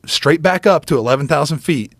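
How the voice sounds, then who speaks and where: A man, a podcast guest, telling a story in an animated, profane way and acting out the quotes. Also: fairly high pitch, fairly quick, no echo.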